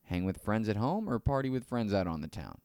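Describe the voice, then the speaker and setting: A man's voice: fairly low pitch, very animated, fairly quick, a little mellow, no room sound. A man hosting a podcast with casual, jokey frat-bro banter and loose swearing. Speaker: podcast host.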